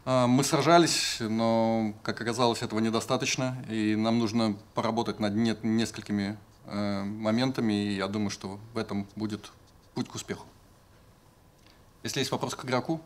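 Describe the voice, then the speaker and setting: A man's voice: lowish voice, fairly even intonation, normal speed. A man moderating a press conference and translating the coach's remarks in a businesslike way with fillers. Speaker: press officer and interpreter. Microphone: table mic.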